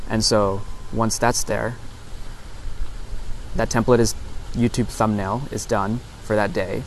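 A man hosting a casual solo podcast outdoors in an open park on a lapel mic, explaining step by step in a halting, self-correcting way. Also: lowish voice, poor audio. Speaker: podcast host and vlogger. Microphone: lapel lavalier into a phone. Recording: outdoor park recording with clear background noise.

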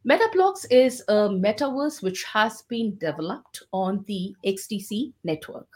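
A woman hosting an online Q&A session as a podcast host, speaking in formal, measured phrases with frequent pauses. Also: mid-range voice, animated.

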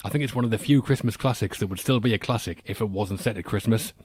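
Low-voiced British man giving film verdicts. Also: quick pace, darkish tone, husky, dry recording. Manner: confident, opinionated verdicts. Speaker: film podcast co-host. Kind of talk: casual film review chat.

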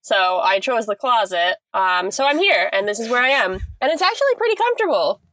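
A woman's voice: a little high, very animated, a little fast, a bit bright, no room sound, poor audio. A woman co-hosting a podcast in casual chat over a video call, recording from inside a small clothes closet, chatty and upbeat, laughing easily. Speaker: podcast co-host.

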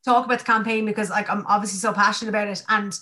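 A woman's voice: mid-range voice, steady tone, rapid-fire, bright, forceful tone. An Irish-accented woman hosting a casual chat, effusive and informal, often restarting her sentences as she goes. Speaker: podcast host.

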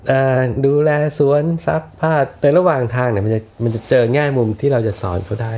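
A middle-aged man talking as a podcast guest in a reflective, unhurried way, often restarting and repeating words. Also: mid-range voice, mellow, slight background noise. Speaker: podcast guest, architect and teacher. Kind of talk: casual podcast conversation.

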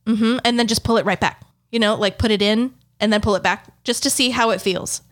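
A woman's voice: on the high side, fairly even intonation, brisk, a bit bright. Woman podcast co-host; dry, matter-of-fact teaser, casual banter.

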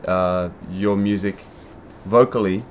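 A man's voice: deep voice, fairly even intonation, slow pace, slight background noise. A man conducting a casual music interview in a hesitant, self-correcting way.

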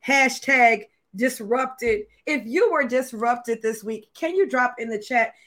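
Woman pastor, slightly high voice, loose conversational sermon opener, self-deprecating, quick to laugh. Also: fairly bright tone. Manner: candid and self-deprecating, laughing often, asking viewers questions. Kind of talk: casual, conversational sermon opening to an online congregation.

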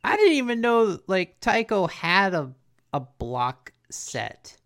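Male podcast co-host, gravelly, relaxed slangy chat. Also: high-pitched. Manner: laid-back, slangy, drawn-out dude talk. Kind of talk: casual chat recapping a cartoon.

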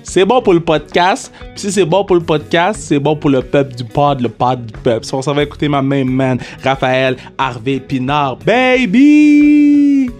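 A man's voice: mid-range voice, normal speed, few pauses, soft background music. A young man with a Quebec French accent hosting a casual podcast, hyped and playful, dropping English slang into his French. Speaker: podcast host.

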